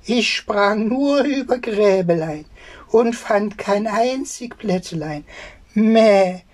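A reader voicing a spiteful, lying nanny goat in a fairy tale read aloud, with a high bleating voice. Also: expressive, takes it slowly, darkish tone. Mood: mocking.

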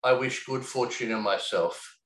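Guy chatting loose and thoughtful, lots of "you know"s and some swearing, mid-pitched voice, roomy echo. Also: a little slow, fairly bright tone. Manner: reflective, rambling with many fillers and casual swearing. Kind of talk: casual conversation. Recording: echoey room.

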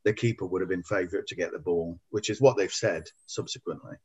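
A man and former player giving measured, hesitant opinions on a football podcast, with frequent ums. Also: deep voice, a little mellow, husky.

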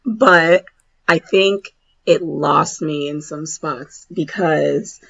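A woman co-hosting a casual podcast chat with a hoarse, raspy voice that is nearly gone, talking informally with lots of filler words. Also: sits low, extremely slow, a bit bright, lo-fi sound. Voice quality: raspy, husky. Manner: informal, heavy use of "like" and "you know".

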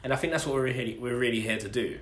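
Rapid-fire and fairly bright in tone, this man's mid-range voice belongs to a twenty-something podcast co-host with an Essex accent, hailing from Essex and southeast London, England. He recounts his story casually and earnestly, repeating phrases for emphasis, in an echoey room.

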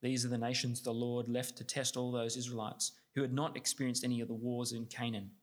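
A man's voice: medium pitch, flat delivery, a little fast. A man reading scripture steadily, then preaching with many fillers and restarts.

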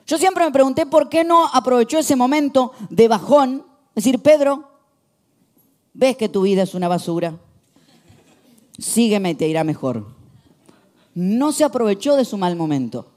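Young argentine-sounding guy preaching, storytelling, goes quiet then punchy. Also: very high-pitched, normal speed, pauses often. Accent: Rioplatense Spanish. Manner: animated storytelling, shifting from hushed to emphatic. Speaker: pastor. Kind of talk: sermon.

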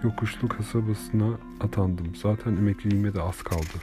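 Guy doing a nervous older postmaster, polite and formal, low even voice, storybook with music behind. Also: brisk, lightly acted. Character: worried aging male postmaster near retirement.

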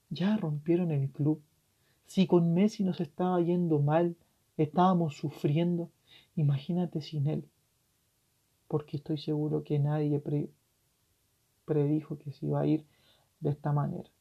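A tearful man with a Chilean accent hosting a solo podcast, ranting passionately and swearing, his voice swinging from loud to hushed. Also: a little high, vocal fry, breathy edge. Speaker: podcast host. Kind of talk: emotional solo podcast rant. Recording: dull lo-fi recording.

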